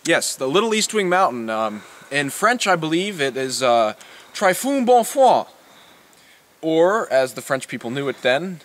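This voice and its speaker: A man's voice: on the high side, sing-song, a little slow, a bit bright. Giggly young man rambling mock expertise. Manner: rambling and giggly, breaking into laughter. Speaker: comic co-host posing as an expert. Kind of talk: improvised mock documentary. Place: outdoors on a wooded hill.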